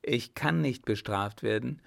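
A man's voice: medium pitch, unhurried, creaky. A man voicing a defiant, scornful young female tightrope artist in an audiobook. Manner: sharp, sneering retorts. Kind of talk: audiobook character voice.

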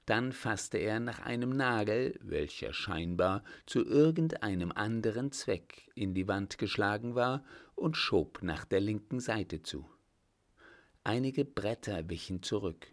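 A man calmly narrating an audiobook in a measured way. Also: on the low side.

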